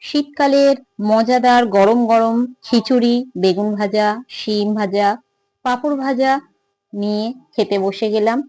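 A woman's voice: medium pitch, a little mellow, dry recording. A woman chatting casually and in a friendly way to viewers as host of an eating vlog at home. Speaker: food vlogger and host.

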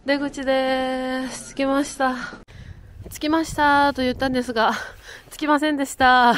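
Chatty Japanese-woman walking outdoors. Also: sits high. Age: 30s. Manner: chatty, laughs often, talks to camera while walking. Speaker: travel vlogger. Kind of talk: casual travel vlog narration. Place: outdoors in a windy, cold city.

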